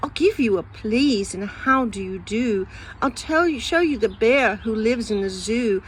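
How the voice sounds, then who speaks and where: A woman reading children's poems aloud in an expressive, sing-song way. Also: a little high, measured pace, slight background noise, poor audio. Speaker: reader.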